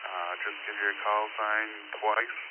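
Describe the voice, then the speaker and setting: A man runs a ham radio check-in net, taking his time and pausing often as he reads out call signs. His fairly low voice comes through a narrow radio channel, thick with static hiss. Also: level tone. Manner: slow, deliberate call-taking with frequent "uh" pauses. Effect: narrow radio transmission with static hiss. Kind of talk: running an on-air amateur radio check-in net.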